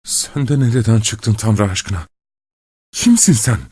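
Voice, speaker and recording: A man's voice: deep voice, expressive, moderate pace, no room sound. A man voicing a shaken middle-aged father who stammers and strains, near breaking. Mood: outraged.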